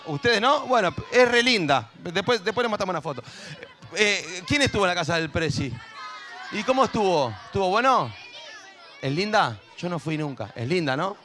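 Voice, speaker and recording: A man hosts a school event from the stage, chatting and joking with teachers and kids. His voice is pushed and bright, swinging from cheering to low asides.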